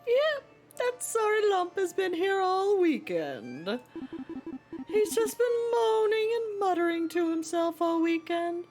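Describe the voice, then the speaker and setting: A woman's voice: very animated, takes it slowly, a little mellow, soft background music, heavily acted. A woman voicing a matronly older bird who keeps a tavern in a video game, motherly, folksy and blunt. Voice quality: deep matronly voice. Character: matronly older female bird tavern keeper, brassy and familiar. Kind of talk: video game character voice read aloud.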